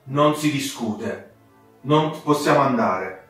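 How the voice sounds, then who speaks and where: A man voicing a stern, worried father wolf who gives loud, firm refusals, in a storybook. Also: medium pitch, expressive, takes it slowly, voice pushed up. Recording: very echoey room, distant mic, soft music.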